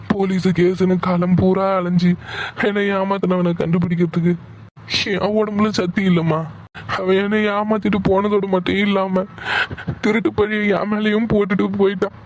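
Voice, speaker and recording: A man's voice: high voice, little pitch movement, moderate pace, slight background noise, lightly acted. A man voicing a weary, despairing village father. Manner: weary, pleading. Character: desperate cheated middle-aged father.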